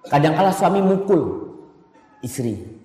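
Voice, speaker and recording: A man's voice: fairly high pitch, big pitch swings, a little slow, distant mic. Storytelling male preacher in an echoey hall. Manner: storytelling with acted quotes, swings from loud to hushed. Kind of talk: sermon.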